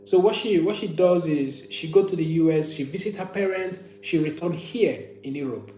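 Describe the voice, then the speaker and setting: A man's voice: a little high, moderate pace, warm tone. A man hosting a casual live chat, telling personal stories and opinions and often restating phrases for emphasis. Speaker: livestream host. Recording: echoey room with faint hum.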